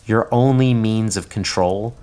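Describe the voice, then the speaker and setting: A man who runs pizza tours, explaining in a relaxed, matter-of-fact way in an interview clip. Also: fairly low pitch, measured pace, clean tone. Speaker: pizza tour guide.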